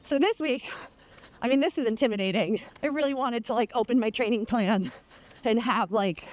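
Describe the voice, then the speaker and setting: A woman chatting casually and candidly while running in the heat, playful and quick to swear. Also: a little high.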